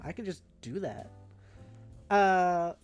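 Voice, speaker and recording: A woman livestreams casually over background music, brainstorming aloud in loose fragments, reading chat, and chatting playfully and informally with viewers. Her voice is on the low side, smooth and a little mellow, animated yet unhurried.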